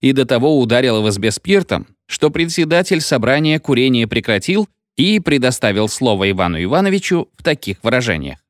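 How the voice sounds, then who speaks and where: A man reading a satirical story aloud in an expressive, wry storytelling manner. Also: mid-range voice, fairly quick, few pauses, no echo, clean studio sound. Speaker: narrator.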